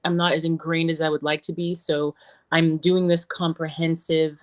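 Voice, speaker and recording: A woman from Cameroon, a comic creator, answering interview questions in a thoughtful, measured way over a video call. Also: deep voice, little pitch movement, no echo.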